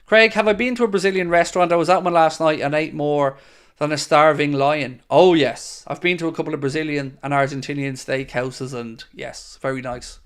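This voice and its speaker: The host of a football fan channel chats during a live stream, reading viewer questions aloud and then answering them in an upbeat, talkative way. His voice is fairly high, bright and clean, with fairly even intonation and a brisk pace.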